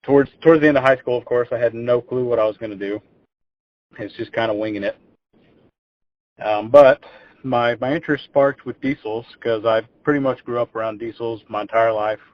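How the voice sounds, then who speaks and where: A Texan man in his twenties talks as a podcast guest, telling his story in a loose, rambling way and repeating words as he starts phrases. His mid-range voice stays steady and moves briskly. The audio is dull and lo-fi.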